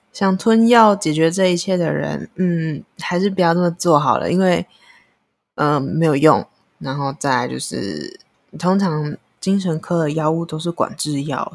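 A vlogger with a Taiwanese Mandarin accent speaking earnestly and candidly in a casual monologue about offering emotional support, drawing on personal experience. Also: medium pitch.

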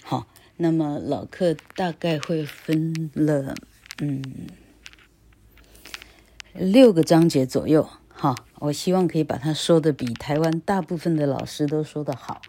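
A woman's voice: low-pitched, unhurried, mellow, a little hiss or hum. A middle-aged woman teaching English grammar on her podcast in a casual, rambling way, tagging her sentences with "ha". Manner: rambling, chatty, tags sentences with "ha".

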